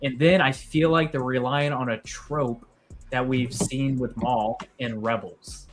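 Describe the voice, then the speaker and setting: A man of middle pitch talks casually, hedging and restarting as he searches for words. Faint music plays behind him. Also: fairly even intonation, a little slow. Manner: hesitant, restarts often, hedging. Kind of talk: casual chat.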